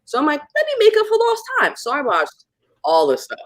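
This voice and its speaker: A woman guest telling a personal ghost story in a casual podcast chat, animated and acting out moments with sudden jumps in pitch. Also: brisk, no room sound.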